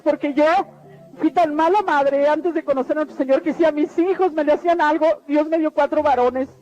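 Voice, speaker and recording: A woman's voice: high-pitched, darkish tone. A middle-aged woman tells her religious testimony in an earnest, repetitive storytelling way. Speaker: testimony speaker. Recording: dull lo-fi radio recording with faint music.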